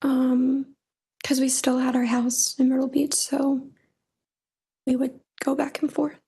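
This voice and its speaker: A young woman testifies in a courtroom in a high voice with plenty of vocal fry. Her delivery is soft-edged and mellow, and she answers briefly and plainly as a witness. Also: completely flat delivery, slow pace. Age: young adult.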